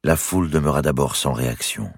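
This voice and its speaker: Very deep gravelly male narrator. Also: no room sound, clean studio sound. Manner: measured storytelling. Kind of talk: dramatic audiobook narration.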